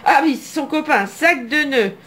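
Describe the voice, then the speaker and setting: A woman's voice: high-pitched, animated, normal speed, a bit bright. A middle-aged woman from France opening trading card packs at home, chatting to herself as she reads out each card name. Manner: chatty, reading card names aloud, musing to herself. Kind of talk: casual card-opening commentary. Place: home, indoors.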